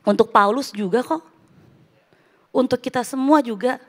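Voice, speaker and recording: A woman's voice: fairly high pitch, normal speed. A middle-aged woman preacher giving a casual, conversational sermon and mixing English phrases into her speech.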